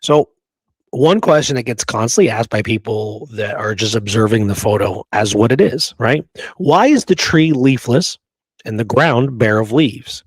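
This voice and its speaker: An animated man with a mid-range, breathy-edged voice co-hosts a casual podcast at a moderate pace, with no echo. He stresses his points and habitually checks in with rhetorical questions such as "right?" and "okay?".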